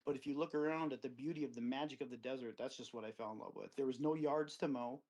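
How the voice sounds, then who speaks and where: A man's voice: quick pace, a little mellow, rough recording. A middle-aged man from Wisconsin, a cactus grower guesting on an interview, telling long rambling stories about his life. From Wisconsin, USA. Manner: rambling, anecdotal, acts out quoted friends with livelier pitch. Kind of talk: relaxed storytelling in an interview. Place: outdoor desert garden.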